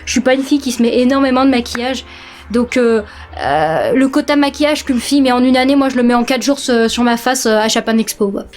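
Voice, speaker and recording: A woman's voice: fairly high pitch, brisk. A young woman in her late teens, talking casually in a vlog from her bedroom, chatty and hesitant with many fillers. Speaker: vlogger.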